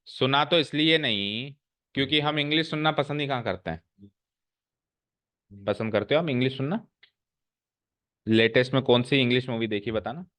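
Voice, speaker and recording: Guy in his 40s teaching a class, medium pitch, scolds students, throws in english phrases. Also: normal speed, pauses often, fairly bright tone. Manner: scolding, lecturing with rhetorical questions; mixes English phrases into Hindi. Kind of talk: classroom grammar lecture.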